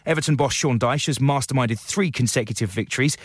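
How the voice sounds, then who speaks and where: A British man reads the radio news from a script. His pitch sits in the middle of the male range, and the sound is close and dry, with no room to it. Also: fairly quick, no room sound. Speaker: newsreader.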